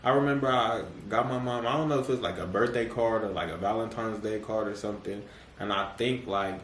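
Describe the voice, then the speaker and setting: A man's voice: lowish voice, steady tone, fairly quick, fairly bright tone. A man chatting casually as a podcast guest, laid-back with lots of slang and fillers, laughing often. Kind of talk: casual chat. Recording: echoey room, mic at a distance, faint noise.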